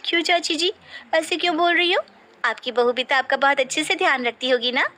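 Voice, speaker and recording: A woman's voice: high voice, fairly quick, pushed and bright. A woman voicing a young, tender-hearted daughter-in-law in a cartoon story, speaking politely and apologetically. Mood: sweet.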